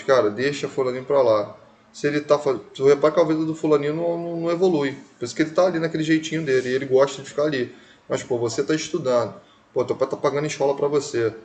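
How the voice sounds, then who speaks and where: A man's voice: medium pitch, darkish tone, slight background noise. A male nursing teacher, lecturing a class in a conversational, emphatic way that leans on tag questions.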